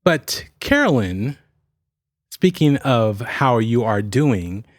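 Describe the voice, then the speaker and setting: Male podcast host, medium pitch, informal chat, recorded close and dry. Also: sing-song, takes it slowly, no echo. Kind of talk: casual chat.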